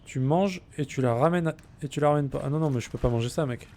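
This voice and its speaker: A let's play streamer chats casually and jokingly with viewers while gaming, responding to their messages. His voice is a little high with a darkish tone and a quick pace, and the recording carries a slight hiss or hum.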